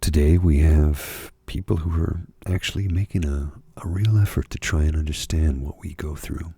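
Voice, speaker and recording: A middle-aged or older man with a husky, gravelly voice gives a soft-spoken, confessional ASMR monologue, confiding in a halting, reflective way. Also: rumbling low, dry recording. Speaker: ASMR host.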